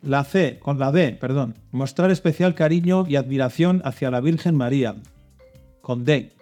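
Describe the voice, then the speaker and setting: A man's voice: mid-range voice, normal speed, mellow, faint music behind. A man hosting a children's religious quiz show, reading out clues and coaxing the contestants with hints. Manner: reads clues then coaxes and hints. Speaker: quiz host.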